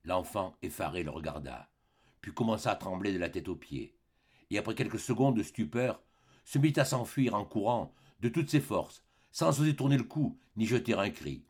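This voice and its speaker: A man reading a classic novel aloud as an audiobook narrator, with an expressive, dramatic delivery. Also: lowish voice, moderate pace, husky. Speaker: audiobook reader. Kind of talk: scripted narration.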